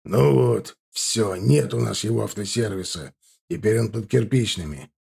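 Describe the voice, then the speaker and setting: A coarse, hot-tempered crime boss, voiced by a male audiobook reader, barking orders in a gravelly voice. He is blunt and bossy. The tone is dark and husky. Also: lowish voice, moderate pace, full character voice. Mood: demanding.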